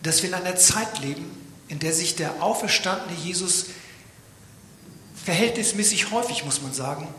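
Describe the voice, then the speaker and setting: A man's voice: high-pitched, normal speed, bright, forceful tone, slight background noise. A man preaching a sermon in a church, dramatic, sometimes dropping to a whisper for emphasis. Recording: echoey church hall with long reverb.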